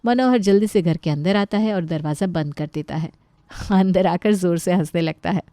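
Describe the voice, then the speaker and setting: A woman narrating an animated moral story in an even, scripted storytelling delivery. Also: lowish voice, moderate pace, no room sound, clean studio sound.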